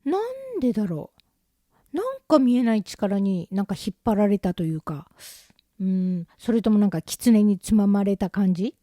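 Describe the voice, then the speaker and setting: A Japanese woman telling a casual story in a chatty, self-mocking way, with lively asides to her audience. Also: medium pitch, moderate pace, no echo, studio quality. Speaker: vlogger.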